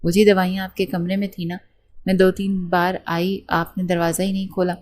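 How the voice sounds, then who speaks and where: A woman's voice: fairly low pitch, level tone, darkish tone, natural voice. A woman voicing a timid housemaid who speaks hesitantly and nervously.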